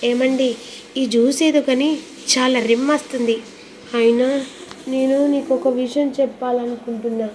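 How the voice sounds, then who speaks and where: A woman's voice: high voice, fairly even intonation, normal speed, pauses often, darkish tone, slight background noise, close to an everyday voice. A woman voicing a tipsy young wife who coaxes and demands, playful and insistent. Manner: slurred, coaxing and demanding.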